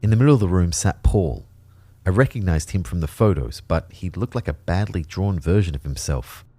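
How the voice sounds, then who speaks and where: Voicing an anxious everyman in scripted first-person sci-fi audio drama narration, a man speaks at normal speed with a warm, low-sitting voice and lively intonation. The tone is wry and uneasy, delivered in an understated way, with no echo.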